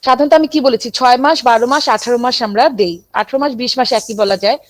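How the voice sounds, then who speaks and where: A middle-aged woman lectures a class of medical students. Her voice sits a little high, and she explains step by step, often stopping to check that her students follow. The sound is close and dry, with no room echo. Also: fast talker. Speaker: medical teacher.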